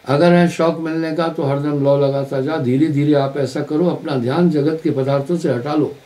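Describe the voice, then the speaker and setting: A man's voice: fairly high pitch, fairly even intonation, moderate pace, dark tone. A man preaching at a live spiritual gathering, telling stories and driving points home by repeating words. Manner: storytelling with emphatic repetition. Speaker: spiritual teacher. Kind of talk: live satsang sermon.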